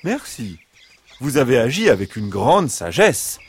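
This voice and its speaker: A man's voice: fairly high pitch, very animated, moderate pace, voice pushed up. A man putting on a sly wheedling fox. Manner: wheedling, falsely reasonable. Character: sly smooth-talking male fox.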